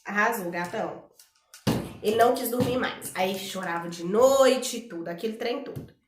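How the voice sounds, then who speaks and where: A woman with a Minas Gerais accent, telling a family story to camera in a chatty, animated way with many fillers. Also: medium pitch, normal speed, echoey room. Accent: Minas Gerais Portuguese. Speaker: vlogger and mother.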